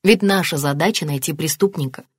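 A woman voicing a calm police detective. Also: low-pitched, breathy edge, no room sound, clean studio sound. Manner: measured, official.

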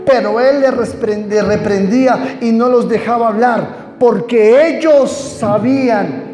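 A man's voice: very high-pitched, a little slow, a little mellow, roomy sound, long reverb tail, faint music behind. A man preaching a sermon, reading scripture aloud and quizzing the congregation with emphatic questions.

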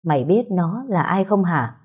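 A cold, decisive older sister who runs a gang gives curt orders, as a woman reads her part. The voice stays low, mellow and husky. It is a spoken storybook role. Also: animated, a little slow, full character voice.

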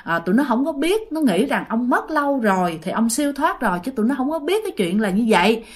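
Woman voicing a softly pleading exorcist. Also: fairly high pitch, very animated, fast. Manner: soft pleading. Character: middle-aged male exorcist, gentle, pleading. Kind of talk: told ghost story.

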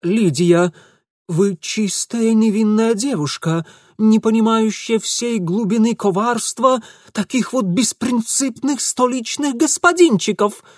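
A man reading an audiobook voices a jealous, hot-headed young man who shouts his outrage. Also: slow, no room sound, studio quality. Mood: furious. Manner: shrill and indignant.

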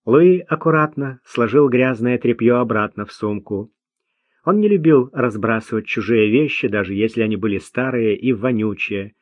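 A man reading an audiobook in a measured, even narration. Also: medium pitch, dry recording, dull audio.

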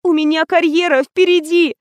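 A woman's voice: expressive, normal speed, darkish tone, no echo. A woman voicing a clingy young actress in an audiobook, pleading and tearful. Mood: distraught. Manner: high, imploring, breathless pleas.

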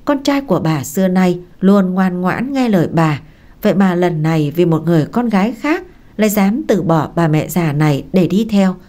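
Mellow-voiced woman storyteller. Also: on the low side, lively intonation, normal speed. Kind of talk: audiobook story narration.

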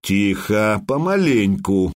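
A man voicing a shrewd customs officer who speaks slowly and deliberately with a mocking edge. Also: lowish voice, big pitch swings. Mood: sly. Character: shrewd male customs officer, sly and unhurried.

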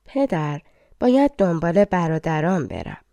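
A woman's voice: on the low side, big pitch swings, dark tone, dry recording. A woman voicing a brave young prince in a storybook reading, speaking firmly. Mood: determined.

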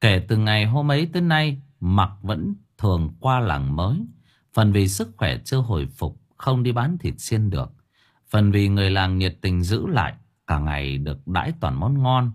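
A man narrating a spooky audiobook story in an expressive, vivid way. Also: lowish voice, moderate pace. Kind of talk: dramatic horror story narration.

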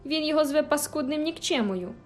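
A woman's voice: high voice, animated, fairly quick, voice pushed up. Woman doing a whiny, sickly teenage boy. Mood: taunting. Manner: whiny, petulant, taunting. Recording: faint background music.

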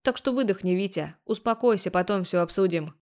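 A woman's voice: mid-range voice, fairly quick, darkish tone, natural voice. A woman voicing a blunt, ironic young man who speaks matter-of-factly, in an audiobook. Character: laid-back ironic young blond man.

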